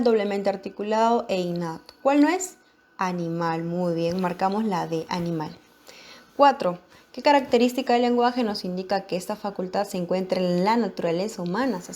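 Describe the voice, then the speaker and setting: A woman's voice: mid-range voice, darkish tone. A woman teacher works through a practice worksheet, reading each question aloud. She asks the class for the answer and confirms it before moving on. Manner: questioning, pausing for answers, affirming "muy bien". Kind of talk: guided exam-practice lesson.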